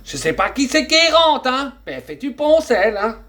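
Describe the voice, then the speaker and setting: A man talks his viewers through a recipe in a loose, joking way, dropping little tags at the ends of his sentences. He speaks slowly, and his pitch rises and falls a lot. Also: sing-song, pushed and bright. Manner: chatty, joking, peppers speech with "hein". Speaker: cooking vlogger. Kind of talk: casual cooking chat.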